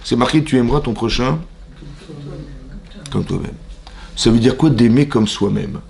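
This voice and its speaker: A man, a rabbi, giving a lively class to his congregation. He fires rhetorical questions at the listeners, acts out both sides of imagined conversations and drops Hebrew religious terms into his French. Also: mid-range voice, normal speed, vocal fry. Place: synagogue classroom.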